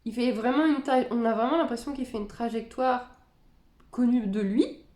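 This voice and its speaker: A woman's voice: a little high, normal speed, darkish tone, roomy sound. A woman giving casual reaction commentary on videos, musing and chatty, reading captions aloud and then weighing in. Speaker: spiritual content creator reacting to videos.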